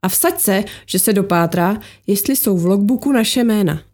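A woman's voice: medium pitch, expressive, a little mellow, close to an everyday voice. A woman reading aloud, voicing a wry male colleague in an audiobook.

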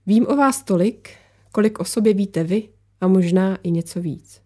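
Woman doing an unruffled mysterious woman, knowing, matter-of-fact, warm dark tone. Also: mid-range voice, breathy edge, natural voice. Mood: calm.

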